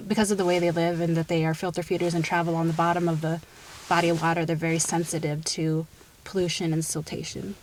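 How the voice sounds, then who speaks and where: A young woman specializing in water quality speaks in a lowish voice, explaining things outdoors by a creek with eager enthusiasm and light laughter. It's a field interview, and the recording is rough, with outdoor noise and ambience.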